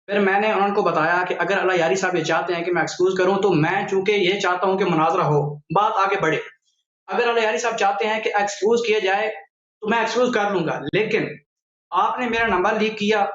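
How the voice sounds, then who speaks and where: High-voiced man on an echoey call. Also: steady tone, fairly bright tone. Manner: insistent, repeats his terms, pushes back. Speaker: caller. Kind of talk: argumentative phone-in call. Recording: echoey muffled call line.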